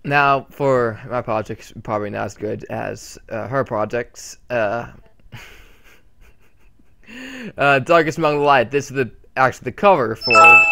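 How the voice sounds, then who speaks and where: A channel host with a bright, forceful, creaky voice of medium pitch talks casually through a channel update into a desktop mic. He rambles, with lots of fillers and restarts.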